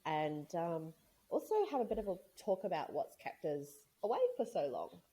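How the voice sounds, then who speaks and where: A woman in her thirties co-hosts a podcast, rambling through casual chat and giggling often. Her deep, mellow voice is very animated at a moderate pace. The recording is rough.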